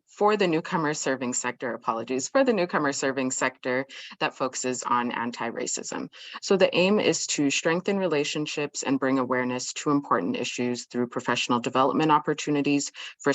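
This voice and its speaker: Very low-voiced hesitant woman moderator. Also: no echo. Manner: hesitant, many fillers and restarts. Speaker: workshop moderator. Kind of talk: formal event opening on a video call. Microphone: video call.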